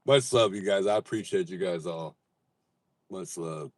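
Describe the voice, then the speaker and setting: A man's voice: low-pitched, measured pace, no room sound. A man chatting casually and playfully on a livestream as host, with slightly slushy speech from missing teeth, talking in a car. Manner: playful, slangy, informal. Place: inside a moving car.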